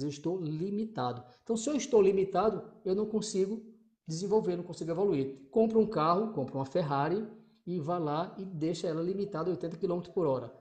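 A man with a Brazilian accent giving an energetic motivational talk as a coach, emphatic, repetitive and swearing freely, asking rhetorical questions. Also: high-pitched. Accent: Brazilian Portuguese. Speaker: motivational coach for exam candidates.

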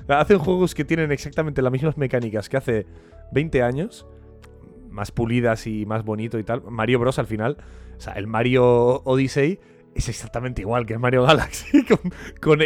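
A man with a Spain Spanish accent chats as a podcast co-host, relaxed and quick to laugh. His voice sits at an ordinary middle pitch. A faint music bed plays behind. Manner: easygoing, laughs often. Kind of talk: casual chat.

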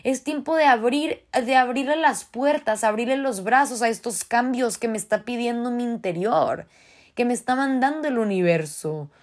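Speaking at normal speed in a slightly high voice, a woman with a Mexican accent hosts a podcast. Her motivational talk is heartfelt and full of casual slang, and she frequently starts her sentences over.

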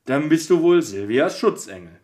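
A man voicing a kind, curious little boy angel in a casual podcast story reading, speaking gently and plainly. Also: a little high, big pitch swings, moderate pace, pitched above the performer's own voice. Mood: pleased.

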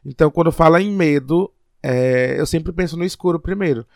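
A man talks casually on a podcast, reflective and a little hesitant as he thinks aloud. His voice sits a touch high. The sound is dry and close, with no room around it. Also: brisk, vocal fry, darkish tone, dry recording. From Piauí, Brazil. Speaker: podcast co-host.

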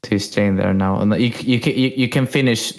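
A man, co-hosting a casual podcast into his microphone, relaxed and halting with frequent restarts. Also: fairly low pitch, gravelly. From Sweden. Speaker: podcast co-host.

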